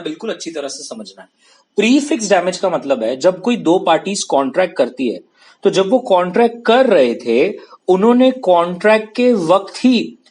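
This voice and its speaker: A man from India giving a lecture on contract law, switching between Hindi and English and often checking that his students follow. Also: on the high side. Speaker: law teacher. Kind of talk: classroom-style lecture.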